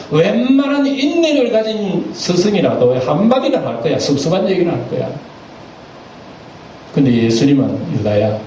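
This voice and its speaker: A male pastor preaching a sermon, animated and acting out voices as he goes. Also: a little high. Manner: animated, acts out quoted voices. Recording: echoey church hall, distant mic, faint noise.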